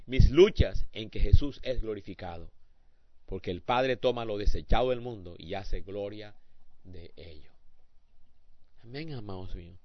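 A man preaching a sermon who swings between hushed asides and loud, emphatic appeals to the congregation. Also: on the low side, dry recording. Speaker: pastor. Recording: dull lo-fi sound.

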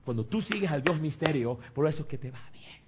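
A man preaching a sermon with personal testimony, shifting from calm talk to loud, high-pitched exclamations and pleading directly with his listeners. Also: a little fast. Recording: slightly dull sound with faint background noise.

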